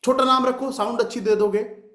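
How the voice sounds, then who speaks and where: A man's voice: very high-pitched, steady tone, brisk, a bit bright. A man teaching a numerology class, repeating sounds aloud to demonstrate and answering his own questions. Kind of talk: classroom lecture. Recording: echoey room.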